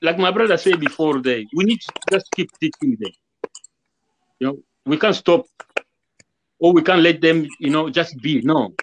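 A man's voice: a little high, moderate pace, long pauses, slight background noise, low-quality recording. A man guest speaking earnestly over a video call, repeating points and acting out quoted greetings. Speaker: guest musician. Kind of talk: casual interview talk over video call. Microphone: video call webcam.

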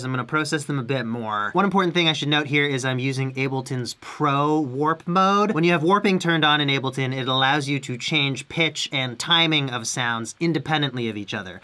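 This music producer and YouTuber sounds fairly high, pushed, and bright. Young and stuffed up from a cold, he cheerfully walks through his sound design from a home studio in a relaxed tutorial vlog.

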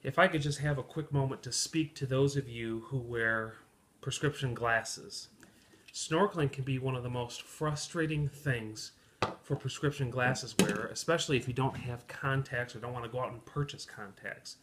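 A man in his thirties co-hosting a home travel vlog, explaining tips slowly and deliberately, with playful asides. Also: medium pitch, noisy background. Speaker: vlog co-host. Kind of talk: casual chat. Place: living room at home.

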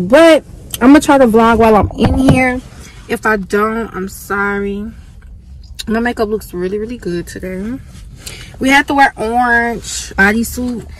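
A woman's voice: a little high, a little hiss or hum, rough recording. A young woman from Memphis, chatting candidly to her vlog camera from inside a parked car, with lots of "like" fillers. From Memphis, USA. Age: young adult. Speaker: vlogger. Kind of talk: casual vlog chat. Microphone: camera mounted near the dashboard.

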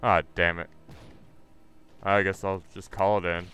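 A man with a somewhat low voice talks through live gameplay on a gaming mic. He rants in an irritable, profane way. A faint hiss sits behind his voice. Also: flat delivery, a little slow, a bit bright. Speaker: gaming channel host.

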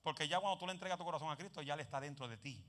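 An evangelist preacher delivers a lively Pentecostal sermon, telling stories and mixing in English phrases, dropping to soft asides and rising to shouts. His voice is a little high and he speaks very fast.

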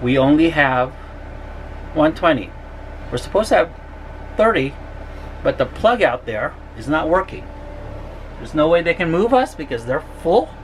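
A woman's voice: low voice, very animated, measured pace, pauses often, slight background noise. A woman travel vlogger ranting angrily and swearing about her RV campsite. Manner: furious, profane complaining. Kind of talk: angry vlog rant.

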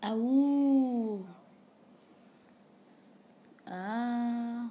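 Soft-muttering young woman, slow and mellow. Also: a little high. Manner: often drops to a quiet, half-whispered mutter; reads the bot's replies aloud and answers them. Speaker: YouTuber chatting with a chatbot. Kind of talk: casual gaming commentary. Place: room at home with a door.

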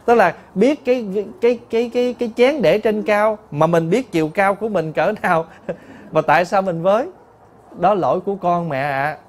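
A male Buddhist monk, giving a lively, chatty dharma talk told through stories. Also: high voice, moderate pace.

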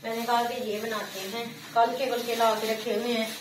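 Her voice is on the high side and flat, moving a little fast: a Pakistani woman with an Urdu accent, vlogging from her village home. Seated on a floor mat in a small room, she casually explains her home cooking step by step, often saying "jo hai na," amid echo and clear background noise.

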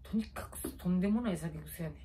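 A middle-aged woman with a Kansai accent talks in a slightly low voice. She rambles through late-night stories and laughs at herself while fiddling with a face pack. A faint hiss sits under her voice. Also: fairly quick. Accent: Kansai Japanese. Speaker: YouTuber. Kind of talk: casual late-night chat.

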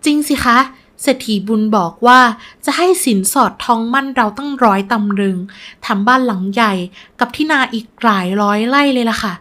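A woman voicing a cruel, scheming middle-aged stepmother who speaks coldly and harshly, sometimes shouting. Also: on the high side, moderate pace, natural voice. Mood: falsely cheerful.

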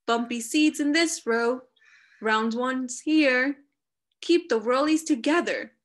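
A woman reading aloud as a fussy storybook badger who wants everything in perfect rows, earnest and exact. The voice sits a little high and moves at an unhurried pace. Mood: directing. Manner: earnest, careful, particular about order.

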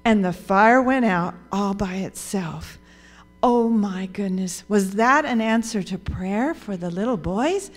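A woman telling a children's story in church, slow and expressive, acting out the voices of the people in it. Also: mid-range voice. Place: church sanctuary.

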